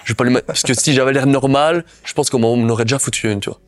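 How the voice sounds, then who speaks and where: A man with a Belgian accent chatting in an interview, animated and rambling, with constant little asides. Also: medium pitch, very fast. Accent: Belgian French. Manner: animated, rambling, frequent "tu vois". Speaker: guest, content creator. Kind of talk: casual interview chat.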